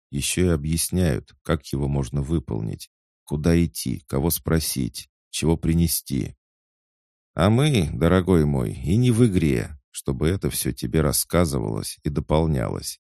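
A man voicing a mocking male cat tsar who teases and gives playful advice in a raised, lively voice. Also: extremely low pitch, moderate pace, creaky, dry recording, studio quality, heavily acted. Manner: teasing, sing-song and lively.

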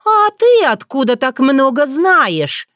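A woman voicing a feisty, sharp-tongued young woman with shrill indignant outbursts. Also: very animated, slow, no echo, studio quality, exaggerated voice. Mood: suspicious.

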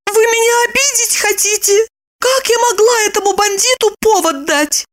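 A woman voicing a proud, touchy young woman who takes offense quickly and speaks in a shrill, indignant way.

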